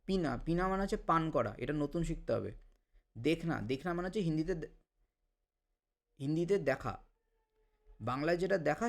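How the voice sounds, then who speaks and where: A man teaching a language lesson, saying each word and then repeating it slowly, with English phrases mixed in. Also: a little high.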